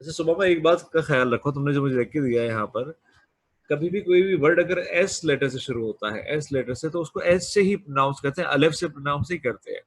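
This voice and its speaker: A man teaching a classroom English lesson, his voice a touch high and husky. He coaxes students for answers, then slows right down to repeat words over and over so they catch the pronunciation. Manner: coaxing, drills pronunciation by repeating words slowly. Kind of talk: classroom lecture.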